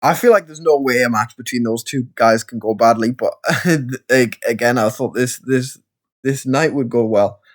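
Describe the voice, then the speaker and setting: A man with a Geordie accent talks through his gameplay in a loose, rambling way. He pokes fun at himself as he goes, in an easy, mid-pitched voice. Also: normal speed. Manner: rambling, self-deprecating, chatty. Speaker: gaming video creator. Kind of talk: casual let's-play commentary.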